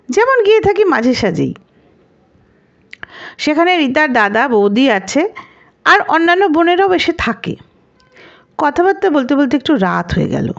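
A woman's voice: on the high side, vocal fry. Woman narrating a suspenseful story. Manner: measured, suspenseful reading. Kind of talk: first-person story narration. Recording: dull lo-fi recording with noise.

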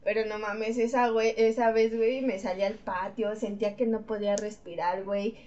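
A woman with a Mexican accent, a podcast guest telling stories in slangy casual chat with an animated delivery. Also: medium pitch, moderate pace, highs cut off. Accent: Mexican Spanish.

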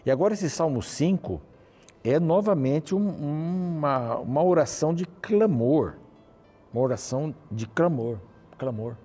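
A man's voice: on the high side, expressive, a little slow, mellow, slightly rough. A man gives a devotional Bible commentary in a conversational way, repeating phrases and often adding a questioning tag. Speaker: Bible teacher.

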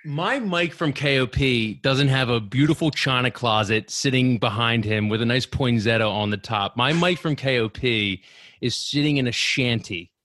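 A man's voice: medium pitch, moderate pace, a bit bright, no echo, studio quality. A man hosting a casual podcast chat, teasing and joking with his guest. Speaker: podcast host.

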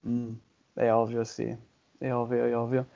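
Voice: medium pitch, completely flat delivery, a little slow, vocal fry, mellow, muffled recording. A native English speaker from southern England with an English accent, chatting casually and searching for words in a second language. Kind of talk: casual chat about languages.

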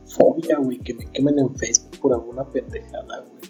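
A man's voice: medium pitch, fairly even intonation, brisk, mellow. A young man with a Mexican accent telling stories in a casual, slangy podcast chat, swearing freely and emphatically. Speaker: podcast host. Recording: dull sound, music behind.

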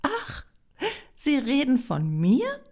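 A woman's voice: high voice, wildly swooping pitch, measured pace, vocal fry, pitched above the performer's own voice, exaggerated voice. A woman reading a German story voices a glamorous older woman with a theatrical, exclaiming manner. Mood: feigned surprise.

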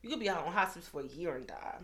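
A woman in her thirties speaks candidly in a casual interview, her voice sitting a little low. She tells her story in a loose, conversational way and slips into the voices of other people as she recalls them. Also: racing. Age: 30s. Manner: candid, animated, acts out quoted voices. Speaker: guest.

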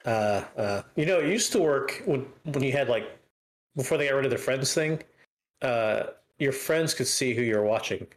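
A man's voice: mid-range voice, lively intonation, normal speed. A man hosting a casual gaming stream show, rambling with many fillers and restarts. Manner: rambling, filler-heavy, self-correcting. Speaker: host. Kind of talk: casual gaming podcast chat.

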